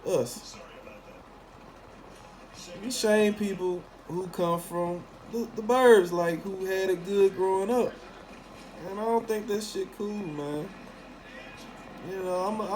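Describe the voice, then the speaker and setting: A talk host from Memphis in the southern United States delivers a casual, opinionated monologue in a Southern accent, full of blunt slang and plenty of swearing. His high-pitched voice is a little mellow, and the audio is poor.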